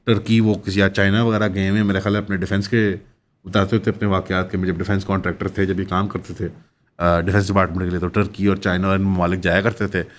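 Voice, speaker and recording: A man's voice: sits low, level tone, fast, slight background noise. A man from Pakistan hosting a commentary channel, delivering an opinionated, critical monologue and mixing English phrases into his speech.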